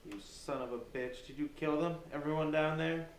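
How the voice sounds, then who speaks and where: A man's voice: a little high, normal speed, natural voice. A man playing a frightened, bound young captive who is dazed and desperately pleading. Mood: distraught. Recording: roomy and distant with faint noise.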